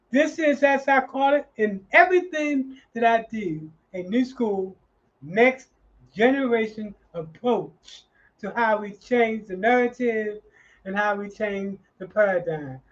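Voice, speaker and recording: Sixties male instructor, slow and halting with lots of fillers, dull lo-fi sound. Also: very high-pitched. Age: 60s. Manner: halting, many fillers and restarts. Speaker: nonprofit class instructor. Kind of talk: live online class wrap-up.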